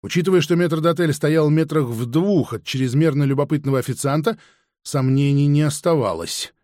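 Man reading an audiobook, steady first-person storytelling, mid pitch, dry close mic. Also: no room sound. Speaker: narrator. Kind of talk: audiobook narration.

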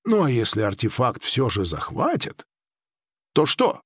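An ancient, powerful dream-weaver who speaks in a measured, persuasive way with a faint dry irony, as a man reads him in an audiobook. The delivery swings widely in pitch. The sound is close and dry, with no room around it. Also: huge pitch swings, a bit bright, slightly rough, no room sound, full character voice.

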